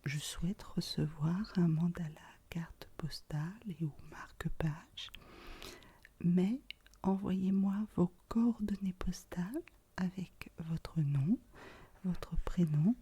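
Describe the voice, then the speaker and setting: A woman hosts ASMR in a soft, very breathy whisper, as if right in your ear. Her delivery is slow and unhurried. The tone is dark and mellow, with hardly any voicing. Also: fairly low pitch. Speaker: ASMR video host. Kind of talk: whispered ASMR, speaking to viewers.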